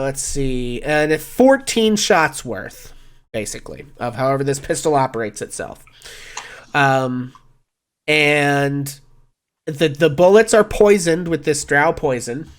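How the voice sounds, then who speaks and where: Male game master, fairly high voice, conversational and explanatory, casual tabletop narration.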